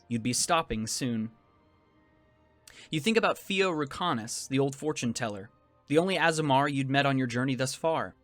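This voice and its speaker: A man with a medium-pitched voice runs a tabletop fantasy game. He tells the scene in measured, descriptive second person. The recording is dry, with faint music behind him. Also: a bit bright, dry recording. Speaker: game master.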